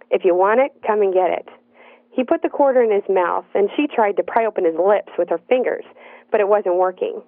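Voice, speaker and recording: A woman telling a personal story in the first person, in an earnest, measured narrating voice. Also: mid-range voice, no echo. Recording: dry, tinny phone-like sound.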